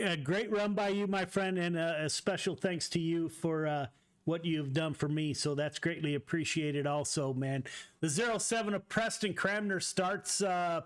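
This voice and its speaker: Race broadcaster, male, slightly high voice, halting delivery with lots of fillers. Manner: halting, many uh fillers and restarts. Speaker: race league broadcaster interviewing drivers. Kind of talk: post-race interview and announcements.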